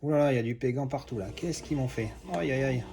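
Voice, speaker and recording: A man's voice: medium pitch, fast talker, creaky, mellow. A man talks through an unboxing in a loose, chatty way. He hesitates often, restarts his sentences and swears casually as he goes. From Marseille, France. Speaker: collector doing unboxings.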